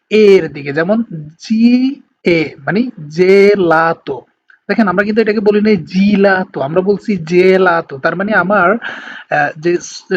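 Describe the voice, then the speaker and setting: Patient Bangladeshi man teaching, higher voice. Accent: Bangladeshi Bengali. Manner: patient, explanatory, slows to spell out words. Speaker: language teacher. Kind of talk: online language lesson. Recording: slightly dull lo-fi recording with faint background noise.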